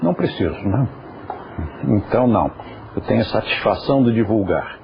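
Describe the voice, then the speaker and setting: A man's voice: on the low side, lively intonation, normal speed, creaky, background noise. A man teaching a yoga class, patiently explaining pronunciation and turning aside to talk to viewers at home. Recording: dull lo-fi recording.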